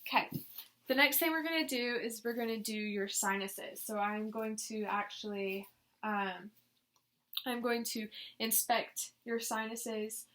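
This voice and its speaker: A woman demonstrates a nursing head assessment on a patient, informally explaining each step and telling the patient what to do. Her voice sits on the high side and is a bit bright, with a measured pace.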